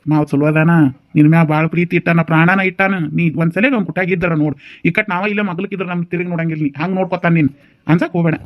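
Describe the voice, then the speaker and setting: A man's voice: on the high side, fairly even intonation, rapid-fire, no room sound, lo-fi sound, natural voice. A man voicing a teasing, comforting young village brother in a cartoon, with a North Karnataka Kannada accent. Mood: coaxing. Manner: teasing and coaxing. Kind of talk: cartoon voice acting.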